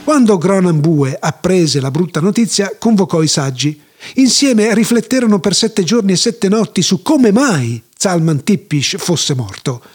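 A man narrating a folk tale in a measured, even storytelling manner. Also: sits high, slightly rough, faint music behind.

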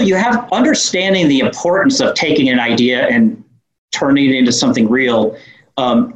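New York man explaining, in an echoey room. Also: a little high. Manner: explanatory, informal. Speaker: guest business owner. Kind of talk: conversational interview answers.

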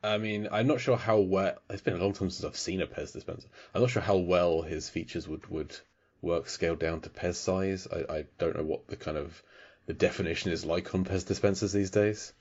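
A man's voice: low-pitched, steady tone, brisk, darkish tone. A man hosting a casual podcast chat, hesitant and laughing often. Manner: giggly, hesitant, lots of laughing. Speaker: podcast host. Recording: slightly muffled sound.

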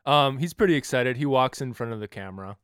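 A man's voice: mid-range voice, lively intonation, fast, fairly bright tone, clear, resonant tone, no room sound, studio quality. A man playing a tabletop game, joking around with friends. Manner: playful, jokey. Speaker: player. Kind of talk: casual game chat.

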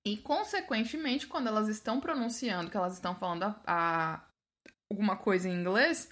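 A woman's voice: medium pitch, brisk, fairly bright tone. A Brazilian woman with a mixed São Paulo, Sergipe and Minas accent, giving a casual English-teaching talk full of restarts and fillers. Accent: Brazilian Portuguese, mixed São Paulo, Sergipe and Minas.

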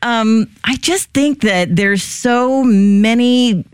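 A woman's voice: a little high, slow pace, smooth, no room sound, clean studio sound. A middle-aged woman hosting a casual, conversational interview. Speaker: interview host.

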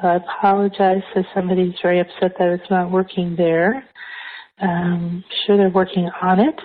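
A woman's voice: fairly low pitch, level tone, moderate pace. A woman speaking as a spiritual coach, hosting a live group call and guiding listeners through meditation. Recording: thin, phone-like call audio.

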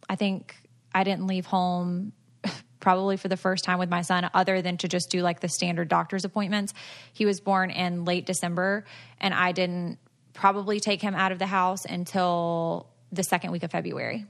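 A woman's voice: lowish voice, flat delivery, normal speed, a bit bright. A woman co-host in casual chat, relating her own experience with hedges.

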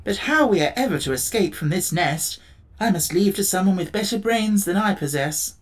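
A reader voicing a polite, cheerful tin man who speaks in a courteous, measured way. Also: mid-range voice, lively intonation, voice pushed up, natural voice.

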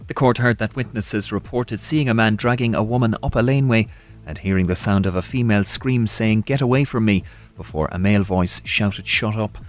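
An Irish man filing a news report, read in a measured, formal way. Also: on the low side, steady tone, faint music behind.

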